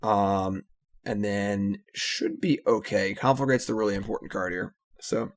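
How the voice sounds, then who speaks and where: Speaking at a measured pace in a voice on the low side, a man gives relaxed, analytical commentary on the card game he's playing, frequently letting sentences trail off with "so."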